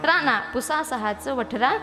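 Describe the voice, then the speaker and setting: A woman preaching a devotional kirtan sermon, teasing her women listeners and calling for answers in lively call-and-response. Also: high-pitched, slow pace, big-room sound, over loud music.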